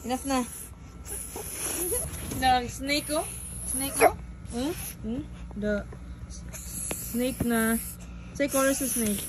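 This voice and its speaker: A woman's voice: sits high, takes it slowly, pauses often, very noisy. A young woman, a mother filming her child, talking in a playful, coaxing singsong and mixing in English words. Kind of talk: casual home video chat with a child.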